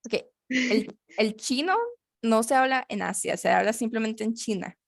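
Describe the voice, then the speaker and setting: A woman teaching a casual English class, chatty and quick to correct herself. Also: fairly high pitch, gravelly, no echo, studio quality. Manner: chatty, self-correcting, laughs easily.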